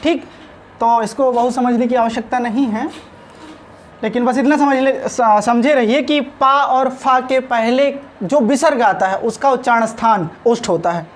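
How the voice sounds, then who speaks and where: A man's voice: very high-pitched, unhurried. A man teaching a spoken lesson on pronunciation, sounding out each letter carefully.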